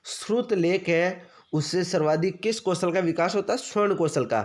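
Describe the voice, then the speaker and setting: A young man with a slightly high voice delivers an exam-prep lesson. He drills his listeners by asking a question, answering it himself and repeating the fact, and he keeps calling them friends. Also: lively intonation, moderate pace. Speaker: teacher.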